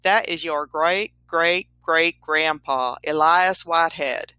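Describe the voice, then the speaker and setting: A preachy male Confederate ghost, as a woman reads him, lecturing slowly and deliberately. The voice is bright and forceful, recorded dry and close with no room sound. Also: deep voice, clean tone, no room sound, full character voice.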